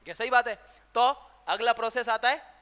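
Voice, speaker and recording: A teacher with a very high, bright male voice and a Rajasthani Hindi accent gives a classroom lecture, posing a question and then answering it himself. His tone stays steady and smooth at a normal speed. A long reverb makes him ring out as if in a big lecture hall.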